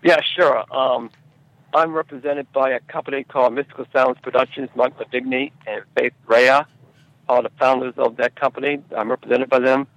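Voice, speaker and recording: A man appears as a screenwriter guest in a conversational interview, answering haltingly and repeating words and phrases. He has a medium-pitched, fairly bright voice with fairly even intonation. The lo-fi recording has no room sound.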